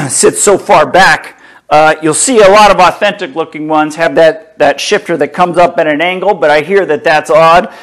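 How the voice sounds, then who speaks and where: Middle-aged guy in his garage, kinda high-ish voice, talks real slow while unpacking parts. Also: fairly bright tone. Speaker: home car builder. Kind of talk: casual unboxing commentary. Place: home garage workshop, indoors.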